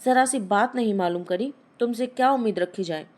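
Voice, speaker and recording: A woman's voice: a little high, brisk, a little mellow, close to an everyday voice. A woman voicing a stern, irritable middle-aged father who scolds and gives orders in a Hindi story reading. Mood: irritated. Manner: scolding, commanding.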